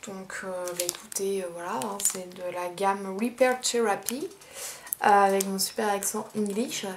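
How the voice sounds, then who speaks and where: A young woman chatting casually in a haul vlog, unhurried, with many fillers. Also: mid-range voice, little pitch movement, slight background noise. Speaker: beauty vlogger.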